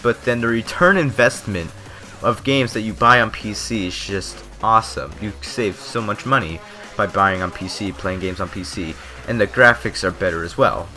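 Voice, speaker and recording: A lowish, pushed and bright male voice belongs to a gaming video creator offering his opinions in unscripted, meandering commentary. Because the dentist's Novocaine hasn't worn off his lip, he fumbles some words and sounds a little off.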